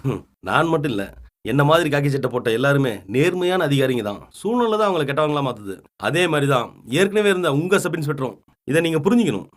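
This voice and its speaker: An actor playing a modest, upright police officer who speaks humbly and reasons calmly. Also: male voice, fairly high pitch, fast, close to an everyday voice.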